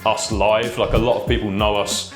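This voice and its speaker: A man's voice: lowish voice, flat delivery, moderate pace. A man narrating a casual video tour to camera in an informal, explaining way, his voice echoing in a bare indoor room. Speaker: vlogger and shop owner. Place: empty stripped room indoors. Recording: echoey bare room, music behind.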